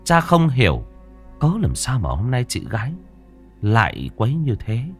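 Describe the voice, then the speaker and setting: A man's voice: medium pitch, wildly swooping pitch, moderate pace, slightly rough, faint music behind. A man narrating a ghost story in a dramatic, emotive storytelling manner.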